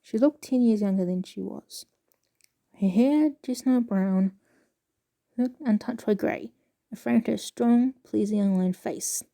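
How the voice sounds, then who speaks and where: A woman casually reading passages aloud with a halting, stumbling delivery and soft asides. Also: medium pitch, creaky. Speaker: video creator reading excerpts aloud.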